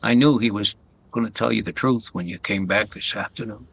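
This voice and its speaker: Man acting a gravelly, stammering remorseful killer. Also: fairly low pitch, a bit bright, lo-fi sound, full character voice. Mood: remorseful, panicked. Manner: halting, stammering, apologetic. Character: remorseful cornered murderer, meek businessman confessing. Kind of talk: radio detective drama acting.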